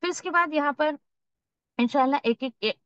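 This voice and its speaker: Brief: female recitation teacher, patient and explanatory, high voice, dry lo-fi recording. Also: fairly bright tone, no room sound. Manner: patient, explains then models each word slowly. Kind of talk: online tajweed lesson.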